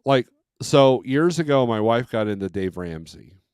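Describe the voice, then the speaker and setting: Hosting a casual open-forum chat, a Californian truck driver and dispatcher in his fifties swaps stories in an American accent. His medium-pitched voice is expressive, slightly slow, a little mellow and clean, recorded dry.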